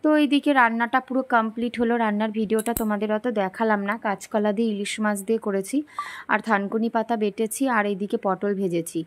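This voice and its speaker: A young woman, talking softly and slowly through a daily vlog while feeling unwell. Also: fairly even intonation. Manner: soft, slow and low-energy. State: unwell and tired. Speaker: vlogger. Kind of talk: daily life vlog voice-over.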